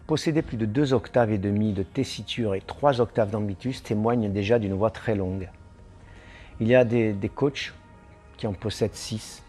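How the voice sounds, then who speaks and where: Low-voiced man teaching singing. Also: mellow. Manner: explanatory, with frequent "hein" tags. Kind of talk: vocal technique lesson.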